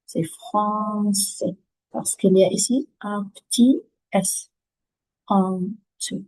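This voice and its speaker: Woman, pronunciation teacher, very slow and careful delivery, slightly husky voice, repeats each word. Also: mid-range voice, dark tone, poor audio.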